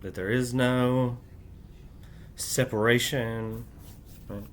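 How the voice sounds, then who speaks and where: A channel host, middle-aged and alone at night, murmurs a monologue to camera so he won't disturb his sleeping family. His medium-pitched voice stays steady and slow as he rambles, repeatedly checking "right?" There's slight background noise.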